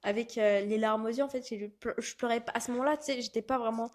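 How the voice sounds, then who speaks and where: A young woman from France tells a lively story on a relaxed podcast, acting out the lines of the people in it. Her voice sits a little high for a woman, and her talk stays casual and chatty. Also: fast talker. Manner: animated storytelling, acting out quotes. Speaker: podcast co-host. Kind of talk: casual chat.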